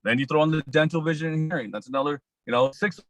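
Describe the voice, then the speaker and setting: A man's voice: fairly high pitch, quick pace, fairly bright tone, no room sound. Man on a choppy, breaking-up phone line. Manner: plain, matter-of-fact, repeats points for emphasis. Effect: choppy breaking-up cell phone connection. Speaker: insurance agent on a group call. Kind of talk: casual sales explanation. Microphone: cell phone on a call.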